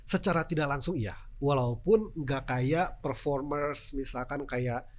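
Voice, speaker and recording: As a podcast guest, a television news presenter describes what his job involves, chatting casually and acting out examples. He is a native Sundanese speaker with a matching accent, and his medium-pitched voice moves at a measured pace.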